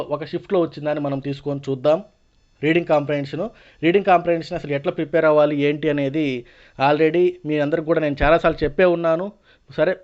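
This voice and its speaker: A man with a Telugu accent explains an exam lesson as an online teacher, his voice pitched a little high. He switches constantly between Telugu and English words. The recording is slightly dull and lo-fi. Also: darkish tone.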